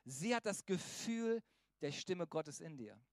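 Animated high-voiced preacher man. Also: measured pace, dry recording. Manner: animated, acts out voices in quotes. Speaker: pastor. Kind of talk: sermon.

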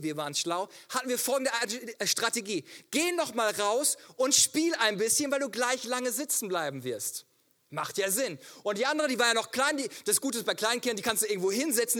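High, bright-voiced male preacher. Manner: storytelling, rhetorical questions, animated. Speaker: pastor. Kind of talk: sermon with personal story.

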